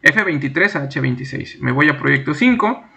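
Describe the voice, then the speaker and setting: A young man teaching a screen-recorded software tutorial, reading each task aloud and then narrating his clicks step by step at a desk mic. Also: on the high side, animated, moderate pace, creaky, dull audio. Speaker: instructor.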